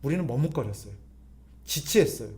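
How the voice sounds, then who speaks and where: A man preaching a sermon as pastor, asking the congregation rhetorical questions and swinging between loud emphasis and soft drops. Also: mid-range voice, expressive, brisk.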